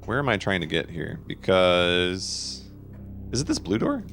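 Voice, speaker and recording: A man's voice: low-pitched, very animated, measured pace, creaky, fairly bright tone. A man casually chatting with his viewers and answering their questions while he plays a game on a live stream. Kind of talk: live gameplay stream commentary.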